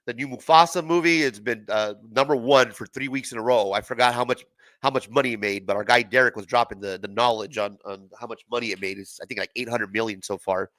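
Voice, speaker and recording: Here the forties-aged watch-party streamer talks fast in a mid-range, slightly bright voice, cold-congested and loose as he swears, chats, and laughs at his own jokes during live play-by-play. The low-quality recording carries no room sound.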